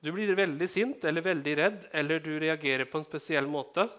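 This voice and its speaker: Here a pastor from Norway preaches with a fairly high, slightly bright voice and fairly even intonation. He keeps things conversational, questioning the congregation and sliding in gentle jokes.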